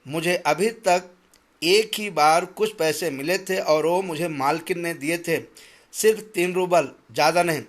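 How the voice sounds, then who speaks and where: A frightened young governess who answers her master in a trembling, halting voice, as a man puts her on while reading a story to a class. She sounds meek and eager to avoid trouble. The reader keeps her close to his own voice, only a touch higher. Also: lightly acted. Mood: tearful. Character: timid young governess woman, tearful and fearful.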